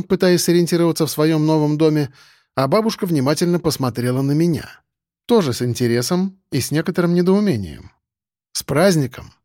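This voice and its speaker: Brief: male narrator, higher-pitched, musing conversational audiobook reading, dry studio sound. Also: mellow, dry recording. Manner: conversational first-person telling, musing.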